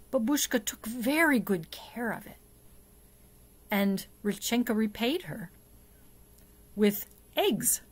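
In a small indoor space with a plain backdrop, a middle-aged woman telling stories for a church children's program reads and discusses a picture book for young kids. She speaks at medium pitch with no room sound, deliberately and expressively, dropping into dramatic hushes, adding emphasis, and asking the listener questions.

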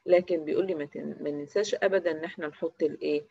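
A teacher with an Egyptian Arabic accent leads a grammar review lesson. They pose quick quiz questions, answer them, and repeat example words slowly, one by one. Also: medium pitch, steady tone, creaky, breathy edge, no echo. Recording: dry, slightly dull recording.

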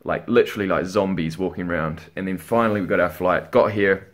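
A man's voice: deep voice, brisk. A tired young man chatting casually in a home vlog, rambling and swearing as he talks to a webcam in his bedroom. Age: young adult. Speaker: fitness vlogger.

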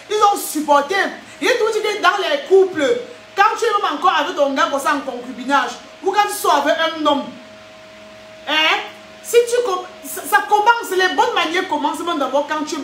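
Young woman ranting on her vlog, very high bright voice, echoey room. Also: a little hiss or hum. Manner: animated, acts out scenes, frequent "hein?". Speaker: vlogger. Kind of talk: casual chat monologue.

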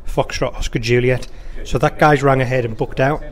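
Soft music plays behind a man with a mid-range voice who speaks at a moderate pace and in a fairly even tone. As an air traffic controller, he offers a conversational, informal instructional walkthrough with radio phraseology, standing beside a touchscreen in an indoor control room or workstation.

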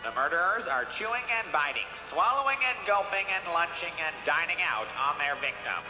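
An actor playing an urgent, over-the-top TV newsreader delivering a parody emergency bulletin. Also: male voice, on the high side, big pitch swings, brisk. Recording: echoey television sound with music.

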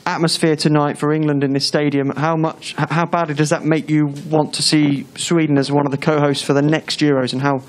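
A man's voice: a little high, little pitch movement, brisk, few pauses. A man, a journalist at a press conference, asking a polite, rambling question with restarts.

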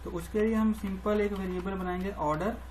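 A woman's voice: medium pitch, steady tone, a little fast, darkish tone, slight background noise, poor audio. Woman explaining code step by step. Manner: talks through each step as she types, repeating phrases. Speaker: programming tutor. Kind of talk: screen-recorded coding tutorial.

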